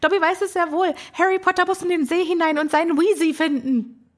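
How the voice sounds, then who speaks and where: A woman's voice: extremely high pitch, steady tone, fairly quick, voice pushed up. A woman voicing an eager male house-elf servant who speaks of himself in the third person.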